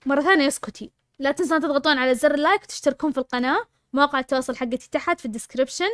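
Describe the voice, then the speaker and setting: Woman, Saudi accent, story channel host, high voice, very dry close sound, blunt lively opinions. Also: very fast, no room sound. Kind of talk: rapid conversational storytelling and opinion.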